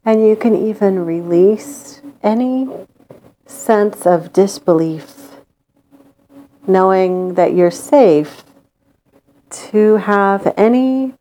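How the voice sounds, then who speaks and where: A woman leading a guided meditation in a calm, gentle, soothing manner with long pauses. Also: mid-range voice.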